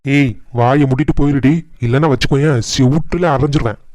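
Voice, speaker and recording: A man doing a hot-tempered cartoon dad, barking threats and scolding his son, medium-pitched voice, dry close sound. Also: fairly even intonation, fairly quick, a little mellow, no echo, close to an everyday voice. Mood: furious. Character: stern angry middle-aged father, harsh scolder.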